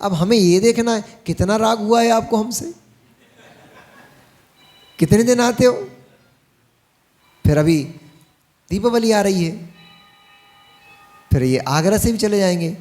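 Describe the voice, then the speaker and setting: Male monk preacher, high-pitched voice, folksy sermon with teasing asides to the audience. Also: slow, pauses often, darkish tone.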